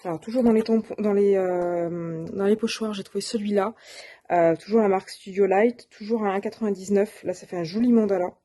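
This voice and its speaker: A woman's voice: mid-range voice, steady tone, brisk, mellow. A woman presenting her shopping haul of craft supplies in a casual, hesitant way, with many fillers and self-corrections. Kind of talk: casual show-and-tell.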